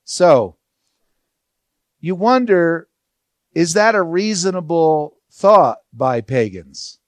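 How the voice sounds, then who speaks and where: A man's voice: a little high, animated, takes it slowly, no room sound. A man teaching a Bible study verse by verse, explaining in a conversational way and asking rhetorical questions.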